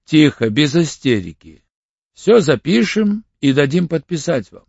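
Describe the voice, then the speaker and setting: Man voicing a stern male detective, measured, commanding, husky, dull lo-fi audiobook. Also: fairly high pitch, big pitch swings, darkish tone, no echo, pitched above the performer's own voice, full character voice. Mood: firm.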